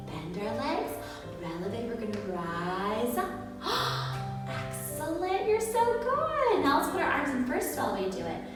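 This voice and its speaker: A woman teaching a ballet class to young children, speaking in simple, encouraging phrases full of praise and audible gasps. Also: medium pitch. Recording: echoey room, distant mic, music behind. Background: music.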